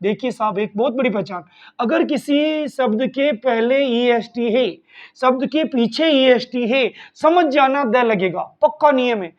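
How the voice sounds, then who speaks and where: A man's voice: very high voice, muffled recording. A middle-aged man teaching an exam-prep grammar lesson, talking emphatically and often asking a question before he gives the answer himself.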